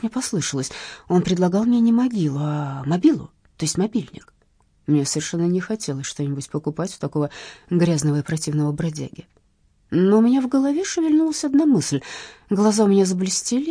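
A woman reading a first-person audiobook in a lively, expressive way. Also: mid-range voice, a little fast, husky, dry recording, studio quality. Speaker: audiobook reader.

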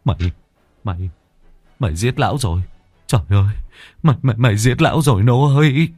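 A man's voice: a bass voice, very animated, normal speed, vocal fry, fairly bright tone, breathy edge, dry recording, pitched below the performer's own voice, heavily acted. A man doing a frantic stammering young master. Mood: panicked. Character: young master in panic, cursing.

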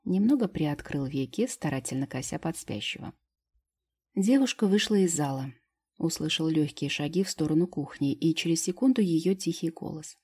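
Husky low-voiced woman narrating a story. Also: lively intonation, normal speed, mellow. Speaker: audiobook narrator. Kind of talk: first-person audiobook narration.

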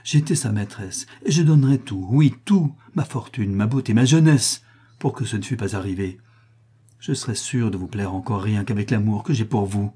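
A man's voice: mid-range voice, normal speed, warm tone, slightly rough, close to an everyday voice. A man reading aloud, voicing a proud, passionate young woman in an impassioned, raised voice. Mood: vehement.

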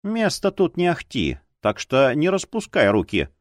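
A man's voice: fairly high pitch, huge pitch swings, a little slow, dry recording, clean studio sound. A man voicing a grumpy, sarcastic older policewoman, a former chief, who grumbles and scolds. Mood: snapping.

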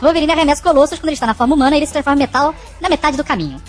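A squeaky chipmunk host, rattling along at a frantic clip. He mocks the listener emails he reads with dry sarcasm. A faint bed of music hums behind him. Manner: sarcastic, mocking. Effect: voice sped up like fast-forwarded tape.

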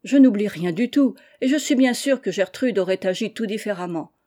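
A woman reading the part of a hot-tempered older general who blusters indignantly, in a mellow voice. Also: medium pitch, animated, a little fast, lightly acted. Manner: blustering, indignant, loud outbursts.

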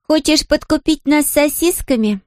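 Woman doing a bratty little girl, high and shrill, scornful, dry studio sound. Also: expressive, normal speed, darkish tone, no room sound. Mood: defiant. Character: bratty defiant young girl.

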